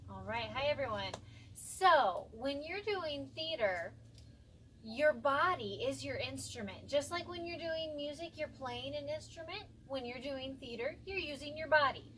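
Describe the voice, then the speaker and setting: A woman teacher leading a class through body and voice warm-ups in an upbeat, coaxing way. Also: high voice, lively intonation, unhurried, slight background noise, low-quality recording. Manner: upbeat, coaxing, counts aloud with energy. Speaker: music and theater teacher.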